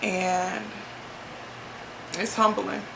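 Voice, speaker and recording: A woman from Ohio sharing a reflective faith talk on her vlog, speaking slowly and haltingly with many pauses and fillers, emotional and near tears. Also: medium pitch, flat delivery, vocal fry, roomy sound, noisy background. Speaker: vlogger.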